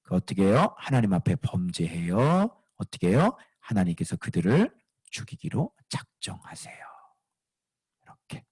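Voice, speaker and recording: Husky male preacher, animated sermon delivery, builds to loud emphatic peaks, dry recording. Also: low-pitched, normal speed, no room sound. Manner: animated, asks the congregation questions, rises to shouting emphasis. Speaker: pastor.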